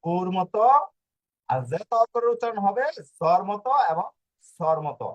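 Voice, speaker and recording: A man teaching an online language lesson, explaining slowly with many fillers and restarts. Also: sits high, animated, poor audio.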